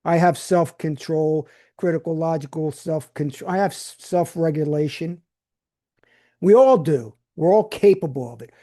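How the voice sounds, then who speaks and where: With a fairly high pitch and a warm tone, an older male podcast host from New Jersey delivers a casual, unstructured monologue by himself. He's blunt and regularly restarts his words.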